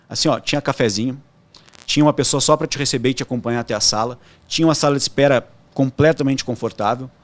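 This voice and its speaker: A young man with a southern Brazilian accent, a podcast guest telling a story casually and acting out the voices of the people in it. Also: medium pitch. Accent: southern Brazilian, Rio Grande do Sul. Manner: animated storyteller acting out quoted dialogue.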